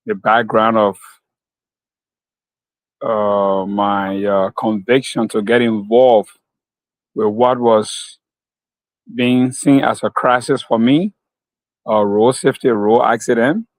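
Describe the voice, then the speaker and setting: A man from Liberia with a Liberian English accent, answering interview questions slowly and carefully, with many fillers. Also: lowish voice, steady tone, dry recording, rough recording. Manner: slow, measured, with many fillers. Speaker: guest, company founder.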